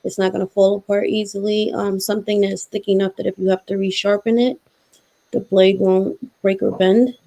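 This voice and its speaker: A woman's voice: medium pitch, level tone, moderate pace, mellow. A woman in a casual chat, giving practical, matter-of-fact advice.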